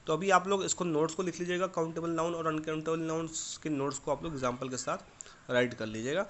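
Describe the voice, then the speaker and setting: A man's voice: on the high side, steady tone, fast, a bit bright. A young man teaching English grammar to schoolchildren, explaining patiently in Hindi with Indian-accented English examples. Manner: patient, repeats "theek hai" to children. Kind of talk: classroom lesson explanation in Hindi.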